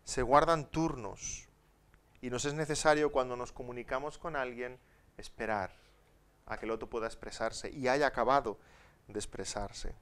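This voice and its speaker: A male pastor teaching at a Bible conference in a conversational way. He counts off numbered points and keeps checking with the audience through tag questions. He swings from soft asides to loud, emphatic points. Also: medium pitch, fairly even intonation, normal speed.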